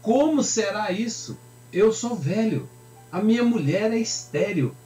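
A man's voice: sits high, expressive, unhurried, mellow, reverberant, pitched above the performer's own voice. Man doing a doubting old priest. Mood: incredulous. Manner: scoffing, disbelieving.

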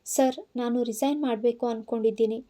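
A woman's voice: a little high, steady tone, mellow, lightly acted. Woman voicing a flustered young assistant. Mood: defiant. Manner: rapid pleading speech. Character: young woman assistant, anxious then defiant.

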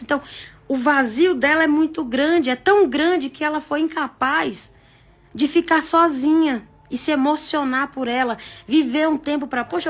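Chatty high-voiced woman hosting a live. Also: fairly bright tone. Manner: chatty and frank, with asides and jokes. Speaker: psychic live-stream host. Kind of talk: casual live-stream chat.

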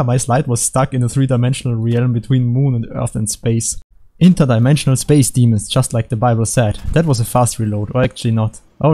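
A man talks over his game footage in a relaxed, mellow voice, dropping deadpan jokes and rambling asides. He sounds like a casual gamer commenting from his home computer. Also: medium pitch. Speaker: gaming commentator. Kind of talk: joking gameplay commentary.

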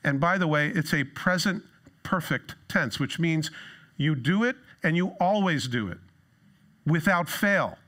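A middle-aged man preaching from a church stage, lively and sarcastic, jumping into a higher voice when he quotes someone. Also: measured pace. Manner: lively, jumps into a high voice for quoted lines. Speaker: pastor. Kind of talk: sermon.

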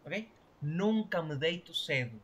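A man's voice: fairly high pitch, lively intonation, unhurried, a bit bright, slightly rough. A man teaching a language class online, explaining grammar and often checking that students follow. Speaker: Portuguese teacher.

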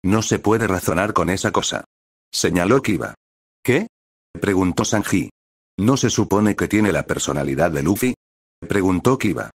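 A man narrating a fan story in an even, steady reading, voicing every character the same way. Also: low-pitched, normal speed, slightly rough, no echo, clean studio sound.

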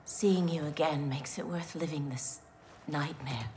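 A woman's voice: low voice, unhurried, darkish tone, slight background noise. A woman playing a loyal, tender warrior in a dramatic video game scene, earnest in her delivery. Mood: tender, moved. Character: tender, loyal female warrior, devoted lover of an emperor.

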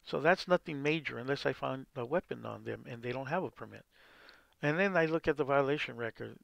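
A man's voice: mid-range voice, fairly quick, creaky, a bit bright, dry recording. A man hosting a gameplay video, explaining casually and rambling as he plays. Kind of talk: casual game commentary.

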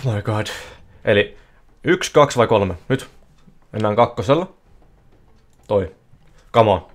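A man streaming casino slot games live, giving excitable running commentary that bursts into yelling at big wins. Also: fairly low pitch. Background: faint music playing.

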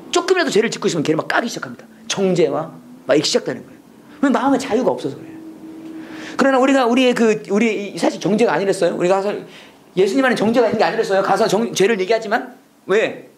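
In a lecture that combines preaching with English lessons, a Bible school teacher speaks in a mid-range voice, lively and quick to laugh at their own slips. A little hiss or hum is audible.

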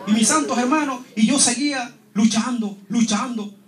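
A man's voice: extremely high pitch, normal speed. A man giving a fervent testimony in church, repeatedly addressing the congregation as his holy brothers. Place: church hall. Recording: echoey church hall.

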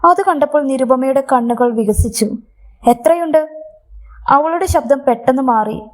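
A woman narrating a scripted story in a steady, measured reading. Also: high-pitched.

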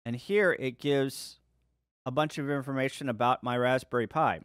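Male tech hobbyist host, mid pitch, relaxed tutorial narration over a screen recording, dead-dry sound. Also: moderate pace, clear, resonant tone, no echo. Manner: relaxed step-by-step walkthrough. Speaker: ham radio video host. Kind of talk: screen-share software tutorial.

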